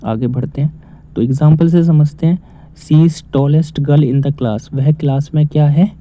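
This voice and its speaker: A man's voice: on the high side, steady tone, unhurried, dark tone. A man teaching grammar, asking questions and then answering them himself. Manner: explains step by step, asks and answers own questions. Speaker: English teacher. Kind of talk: casual spoken lesson. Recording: tinny phone-like audio.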